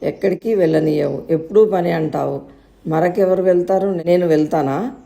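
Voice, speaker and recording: A woman voicing a stubborn little boy who whines and shouts in a storybook. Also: lowish voice, moderate pace, creaky. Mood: sulky tearful. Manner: whiny, pleading, shouty.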